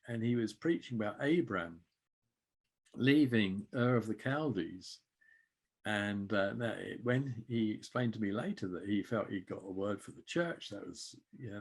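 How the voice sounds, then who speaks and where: Older man, low husky voice. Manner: reflective, chuckles while telling anecdotes. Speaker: interview guest. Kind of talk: conversational storytelling.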